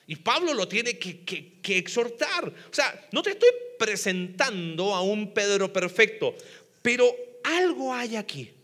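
A man's voice: high-pitched, lively intonation, a little slow, few pauses, pushed and bright. A man preaching a sermon to a congregation, talking conversationally and putting questions to the audience. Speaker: pastor. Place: church hall before a congregation. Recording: long hall reverb.

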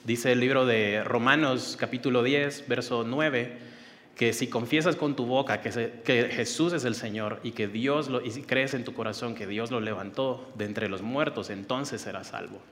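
Man, pastor, sermon, earnest, conversational asides, middle pitch, long hall reverb. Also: normal speed, fairly bright tone. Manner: earnest preaching with spoken prayer and casual asides.

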